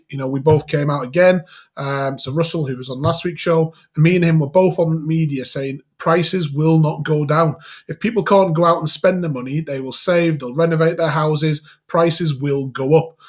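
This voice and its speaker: A man's voice: fairly high pitch, breathy edge. A man from North East England with a Geordie accent, talking casually as a property developer on a show. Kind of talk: casual chat.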